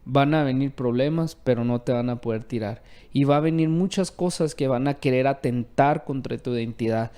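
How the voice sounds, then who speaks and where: Hombre de pódcast cristiano, fervoroso. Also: male voice, mid-range voice, moderate pace, hardly any pauses, warm tone, clean tone. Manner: affirming, fervent, repetitive emphasis. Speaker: co-host.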